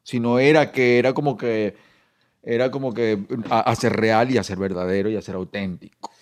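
A man hosting a casual podcast chat, reflective and halting with many restarts. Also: fairly low pitch, steady tone. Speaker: podcast host.

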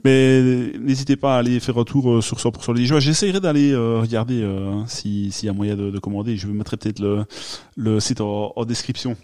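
A man's voice: mid-range voice, a little fast, hardly any pauses, warm tone, no room sound. A man hosting a casual podcast, talking in a hesitant way with many fillers and restarts. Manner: laughs at his own accent. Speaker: podcast host.

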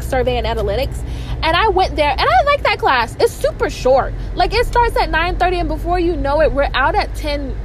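A woman's voice: high voice, a little hiss or hum, rough recording. A young adult woman talking casually in a rambling vlog monologue, often repeating her phrases for emphasis. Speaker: college student vlogger.

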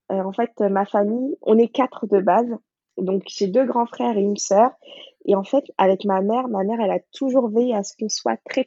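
A Senegalese woman in her thirties, guesting on a podcast, chats casually in an interview, speaking hesitantly with many fillers and laughing often. Her medium-pitched voice is mellow and husky, and the recording is dry with the highs cut off.

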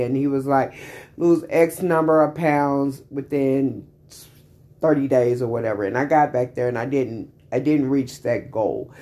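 A woman's voice: a bass voice, mellow. A woman vlogger telling a personal story candidly, rambling and emotional with many restarts.

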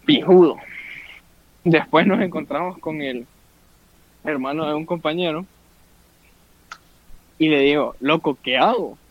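A man's voice: on the high side, a little slow, pauses often. A young man, telling a rowdy story among friends and swearing casually. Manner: crude slang-heavy, animated retelling. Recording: dull lo-fi sound.

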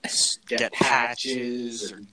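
A man joking in a casual football chat, drawing his words out slowly. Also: medium pitch, flat delivery, a crowd in the background.

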